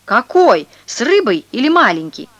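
A stout, furious man shouts accusations in a raised, loud voice, as a woman reading a storybook puts him on. The delivery is dry and close, pitched above her own voice. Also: expressive, normal speed, no echo, dull audio. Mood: angry shouting. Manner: bellowing, accusing.

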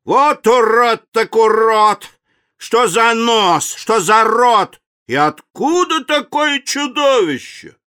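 A man voicing a shouting street crowd in a storybook reading, loud and raised in pitch. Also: animated, slow, smooth, heavily acted. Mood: jeering. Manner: loud and jeering.

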